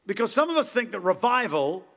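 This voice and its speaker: Male preacher, high voice, speaks in brief lines and leaves room for translation. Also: sing-song, a bit bright. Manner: preaches in short phrases with pauses for the interpreter. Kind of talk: sermon with live interpretation.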